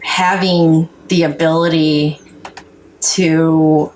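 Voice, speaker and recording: Woman, North Dakota accent, low pitch, frank and earnest personal storytelling, salty casual wording, faint background noise. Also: flat delivery, very slow, darkish tone, low-quality recording. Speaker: podcast guest sharing recovery story. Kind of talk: candid personal testimony in casual chat.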